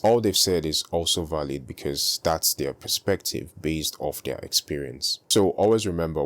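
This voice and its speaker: This casual tutorial vlog comes from a young male video creator whose voice is very deep. His delivery stays soft-spoken, calm and unhurried throughout.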